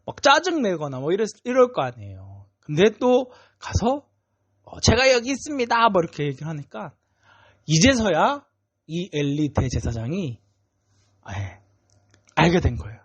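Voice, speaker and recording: A man's voice: fairly high pitch, unhurried, long pauses, husky. A man preaching a children's sermon in a church, telling the story in a playful, chatty way. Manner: animated, playful, chatty with kids, frequent 'ne'. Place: church worship room.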